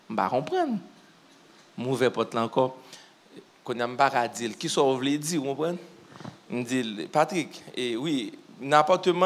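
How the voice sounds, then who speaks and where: Man, preacher in church, lively storytelling sermon, acts out the voices of others. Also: mid-range voice, a little hiss or hum. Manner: animated storyteller who acts out what people said.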